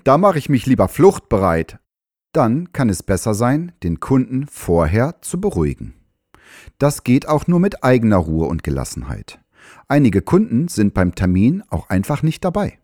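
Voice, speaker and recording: A man, a farrier, giving calm, measured advice in scripted explanatory narration. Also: lowish voice, dry recording, clean studio sound.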